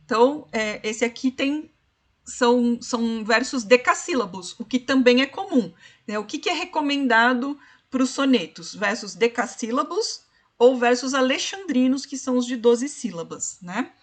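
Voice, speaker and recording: A woman's voice: fairly high pitch, expressive. Woman teaching literature online. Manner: explanatory, repeats "né?" and "ó"; slows down to count syllables and spell out rhyme schemes. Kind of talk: online tutoring session.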